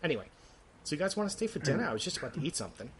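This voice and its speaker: A man's voice: fairly high pitch, big pitch swings, racing, fairly bright tone, slight background noise. A man voicing a chatty, rambling old male brass dragon who is fussy and easily offended.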